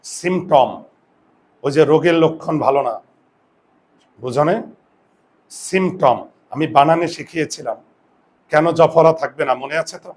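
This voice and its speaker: A man's voice: a little high, a little slow, pauses often, darkish tone. A male teacher giving a grammar lesson, explaining step by step and often asking whether his students follow.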